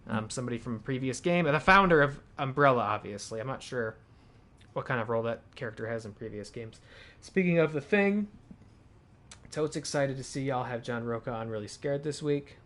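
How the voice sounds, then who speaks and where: A man's voice: medium pitch, brisk, a bit bright. A man streaming a video game, chatting casually, thinking aloud and correcting himself, and reading in-game documents aloud. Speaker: gaming streamer. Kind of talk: live gameplay commentary and reading in-game files aloud.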